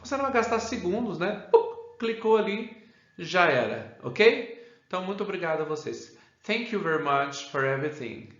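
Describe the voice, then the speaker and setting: A man with a Brazilian Portuguese accent teaches an English grammar lesson, keeps adding "né?" and says the English examples slowly. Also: fairly high pitch, very animated, fairly bright tone. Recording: roomy, dull lo-fi sound.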